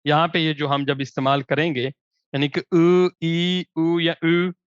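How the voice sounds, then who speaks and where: A man with a somewhat high voice teaches a grammar lesson and lingers on each example word before moving on. The recording is dry and close. It has a slightly dull, lo-fi tone. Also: flat delivery, clean tone, dry recording. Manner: slow, drawn-out example words between quick explanation. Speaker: language teacher. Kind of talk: explaining grammar with spoken examples.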